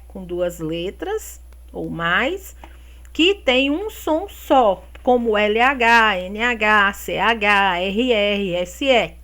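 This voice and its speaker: A woman's voice: medium pitch, a bit bright. A woman teacher from Brazil, patiently walking young children through school exercises step by step, often checking in with a "né?". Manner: patient, step-by-step explaining with frequent "né?".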